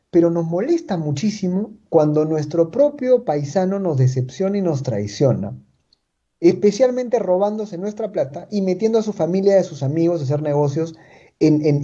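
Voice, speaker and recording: Warm and high-voiced, a Peruvian man from Chiclayo comments on politics as an analyst being interviewed, and the sound is lo-fi. He has a Peruvian Spanish accent and talks with emphasis, restating his arguments and tacking rhetorical questions onto them.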